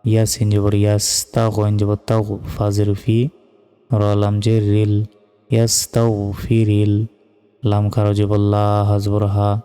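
A man teaching Quran reading, spelling out Arabic words letter by letter in a slow, measured way and chanting the verses. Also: lowish voice, monotone, warm tone, clear, resonant tone, big-room sound, soft background music.

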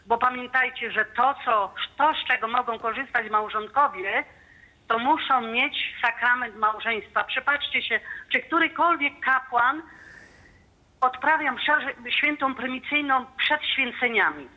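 A woman's voice: fairly high pitch, measured pace. A woman in her fifties calling in to a radio show to give a fervent, devout testimony. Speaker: caller. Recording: muffled phone line.

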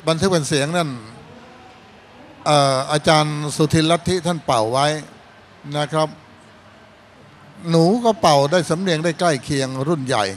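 A man's voice: a little high, normal speed, pauses often, slight background noise. A man judging a student band contest, giving fatherly critique and calling the students his kids. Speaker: contest judge.

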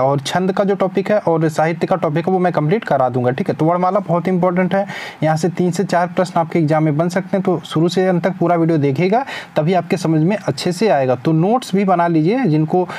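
A man's voice: sits high, a little mellow. A young man teaching an exam-prep lesson, asking questions and answering them himself. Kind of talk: spoken lesson.

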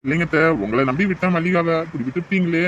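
A man's voice: a little high, rapid-fire, a bit bright, highs cut off, natural voice. An actor playing a polite young son-in-law who reassures his wife and her mother. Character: calm, reassuring young husband. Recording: noisy background.

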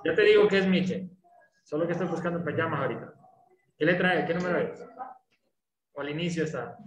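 A man teaching English in an online class, explaining patiently and often checking understanding with quick questions. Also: a little high. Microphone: video call. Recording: roomy echo, faint background noise.

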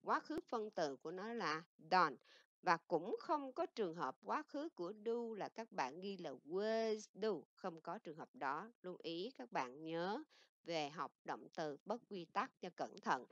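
A woman English teacher with a Vietnamese accent giving a recorded lesson, explaining in Vietnamese and reading English example sentences slowly and carefully. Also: on the low side, big pitch swings, a bit bright, no room sound. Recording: dull lo-fi dry recording.

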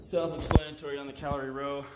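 A man's voice: a little high, little pitch movement, fast, background noise. A young man casually explaining his workout in a home garage gym, coaching between exercises, recorded on the camera mic as he moves around. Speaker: fitness vlogger. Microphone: camera mic, moving around the room. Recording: very echoey garage with music behind. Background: background music.

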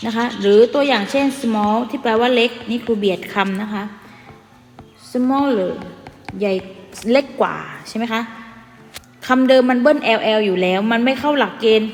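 A fairly high-voiced woman with a Thai accent teaches English to young pupils in a patient, step-by-step way and slows down on each English word. She keeps ending phrases with soft polite particles. The room is echoey with a long reverb tail, and faint music plays behind her. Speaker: primary school English teacher. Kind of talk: online classroom lesson.

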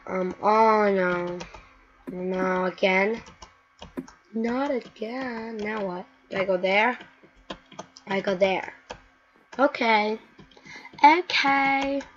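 A woman giving live gameplay commentary, excitable and talking to herself, chanting the same words over and over. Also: medium pitch. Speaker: gaming channel host. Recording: dull lo-fi mic with faint hiss.

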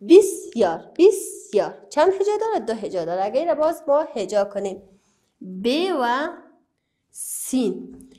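A woman's voice: a little high, darkish tone. A woman teacher with an Afghan Dari accent, giving a recorded lesson to young children, spelling out letters and syllables and answering her own questions. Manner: spells out letters and syllables slowly, repeating words; asks questions, then answers them herself. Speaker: primary school teacher.

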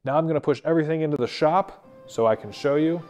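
A man's voice: on the high side, quick pace, a little mellow, faint music behind. A man in his thirties, a traveling TIG welder, walking through his workshop tools in a plain, practical way, filmed on a handheld camera. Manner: plain practical explaining, matter-of-fact. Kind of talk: shop tool-tour walkthrough. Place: indoor workshop.

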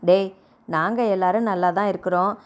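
Brisk, affectionate elder sister for an audio novel, read by a woman. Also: on the low side, fairly even intonation, lightly acted.

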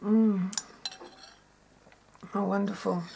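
Woman chatting away in her kitchen vlog, bit of a gravelly voice, keeps going on about how yummy it is. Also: medium pitch, little pitch movement, drawn-out words, warm tone, a little hiss or hum. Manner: chatty and enthusiastic, savoring each taste aloud. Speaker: home gardener and cook. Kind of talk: casual cooking vlog. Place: shearing shed kitchen.

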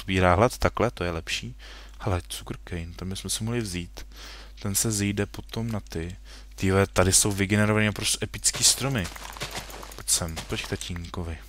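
A man's voice: deep voice, fairly even intonation, a bit bright. A young man casually commenting while playing a computer game at home, rambling and correcting himself, with jokey asides. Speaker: gaming video host. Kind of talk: casual Minecraft let's play commentary.

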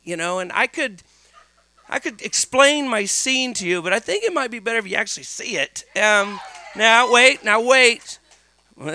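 A man's voice: high voice, bright, forceful tone, clean tone, no room sound. A middle-aged man from Texas telling a comedic story live on stage into a close microphone, animatedly acting out the dialogue. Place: small dark stage venue, indoors. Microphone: stand microphone, close.

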